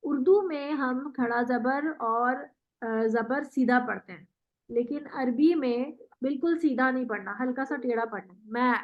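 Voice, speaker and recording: A woman with a high voice teaches recitation over a video call. She is patient, stretches out model words and praises her student often. The sound is muffled and lo-fi. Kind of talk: online tajweed lesson.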